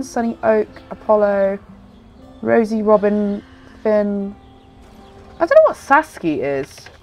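Female gaming host, nasal and congested as if nose pinched, animated pitch, rambling casual commentary, faint music behind. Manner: chatty, rambling, self-interrupting. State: congested with a cold. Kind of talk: casual chatty game commentary.

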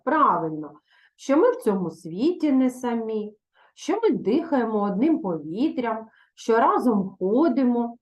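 A woman teaching a recorded video lesson for young pupils, patient and instructive, reading verse expressively. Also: mid-range voice. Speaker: primary school teacher. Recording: echoey room.

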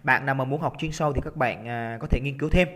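A Vietnamese man teaching an English exam-prep lesson. He is lively and coaxing, drags out words slowly to show the stressed syllable, and keeps checking in with his students. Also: medium pitch. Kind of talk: exam-prep lesson, explaining test answers. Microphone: computer recording while drawing on screen.

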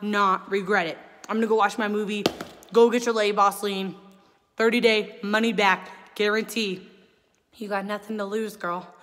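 Young woman, high-pitched, enthusiastic pitch to camera, reverberant room. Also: a bit bright. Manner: gushing, enthusiastic, talks while chewing. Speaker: host promoting a protein shake. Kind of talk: chatty sales pitch to camera.

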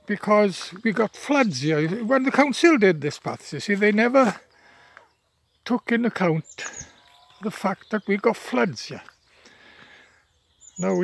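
This walking vlog comes from a Welshman in his seventies whose first language is Welsh; his voice is gravelly and on the high side. Off-screen with a phone camera, he rambles plainly along a rural wetland path, tired from walking and full of fillers and false starts.

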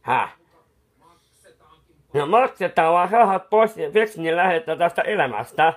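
Brief: a muddled, fussy clown who paints and rambles, pitch swooping up and down, mutters and restarts, as a man acts him out. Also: animated. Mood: fussing. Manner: soothing, scolding someone who cries. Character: bumbling, befuddled male clown painter, fussy and kindly. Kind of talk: comic improvised monologue.

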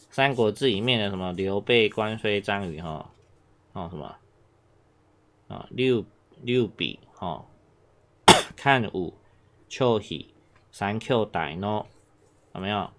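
A man's voice: fairly low pitch, a little slow, long pauses, fairly bright tone. Chatty man teaching Japanese. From Taiwan. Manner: chatty, repeats himself, many filler sounds. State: coughing now and then. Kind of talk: casual language lesson.

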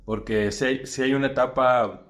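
A man, a stand-up comedian chatting casually as a podcast guest, slangy and animated, with lots of fillers. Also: mid-range voice, moderate pace.

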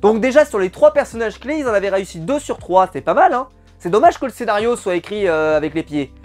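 A man's voice: high-pitched, expressive, fast talker, soft background music. Exasperated man reviewing a film. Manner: exasperated, emphatic, repeats words for effect. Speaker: film critic. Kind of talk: casual spoken film review.

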